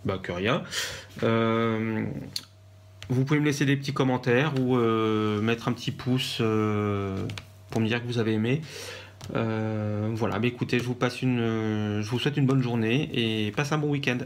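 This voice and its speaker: A man from France with a French accent, chatting casually in a craft haul vlog and pausing often with fillers and restarts. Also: mid-range voice, fairly even intonation. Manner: hesitant, many fillers and restarts. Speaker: vlogger.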